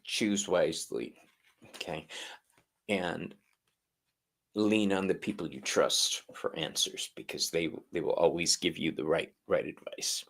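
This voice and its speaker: A man's voice: low-pitched, fairly even intonation, unhurried, gravelly, fairly bright tone. A man co-hosting a live-stream tarot reading in a casual, chatty way, swearing freely. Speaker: tarot reader, stream co-host.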